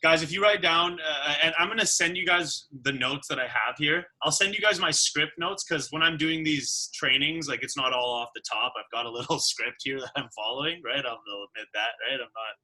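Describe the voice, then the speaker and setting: A man giving a casual sales training talk, animated and acting out quoted dialogue. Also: a little high, normal speed, few pauses.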